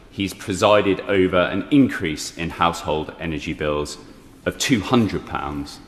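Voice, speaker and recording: A man giving a measured, pointedly critical parliament speech as an opposition member. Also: sits low, a bit bright. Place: large indoor parliamentary chamber. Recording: echoey chamber with clear background noise.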